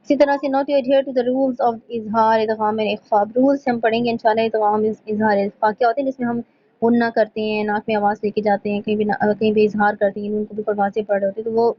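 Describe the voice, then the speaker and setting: Woman teacher for an online lesson, fairly high voice, dull lo-fi sound, slow reading of points, frequent check-ins. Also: steady tone. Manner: explains in Urdu, reads English points slowly from slides; checks in often with "theek hai". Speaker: tajweed teacher.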